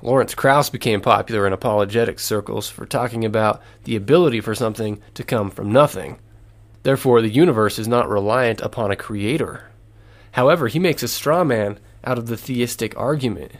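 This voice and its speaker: A man's voice: on the low side, a little fast. Earnest man reading a prepared lesson. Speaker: lecturer. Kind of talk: scripted narration.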